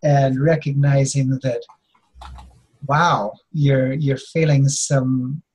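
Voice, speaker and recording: A man's voice: mid-range voice, level tone, takes it slowly, a little mellow, slightly rough, low-quality recording. A man sharing a personal story in a reflective, meandering way, with frequent chuckles. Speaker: guest speaker.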